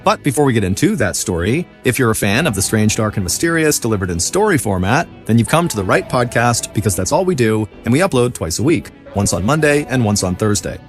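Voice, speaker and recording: A podcast host narrates a true-crime story with dramatic flair and lively intonation, over faint background music. His medium-pitched voice moves a little fast, with few pauses.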